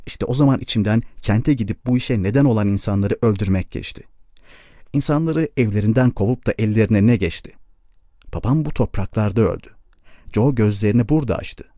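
A man's voice: mid-range voice, warm tone, dry recording, highs cut off, close to an everyday voice. A man reading a bitter, grieving farmer who broods and bursts into anger.

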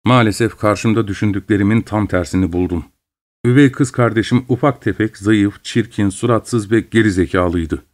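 Guy narrating a story audiobook, steady and measured. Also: fairly low pitch.

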